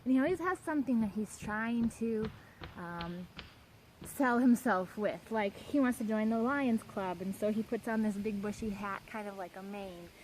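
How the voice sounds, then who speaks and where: A woman's voice: mid-range voice, normal speed, darkish tone, a little hiss or hum, rough recording. A woman presenting children's picture books in a casual review, retelling the stories with brief character voices.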